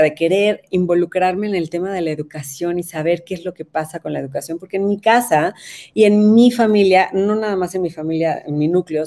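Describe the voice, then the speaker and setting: A woman in her thirties talks through a personal story about her family and schoolwork. Her voice sits low and mellow, soft at the edges. She keeps it conversational and often turns to ask the listener if they agree. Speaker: parenting educator.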